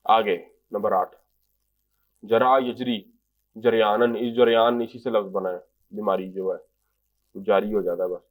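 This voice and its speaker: A man's voice: lowish voice, steady tone, pauses often. Man teaching Arabic grammar patiently. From Pakistan. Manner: explains patiently, repeats phrases and translates line by line. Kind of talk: grammar lecture in Urdu.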